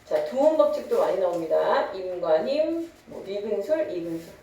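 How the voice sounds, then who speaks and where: A woman's voice: medium pitch, sing-song, normal speed, dark tone, very echoey, recorded from a distance, a little hiss or hum. A young woman teaching a literature lecture, chatty and teasing, mixing casual and polite speech. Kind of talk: online lecture.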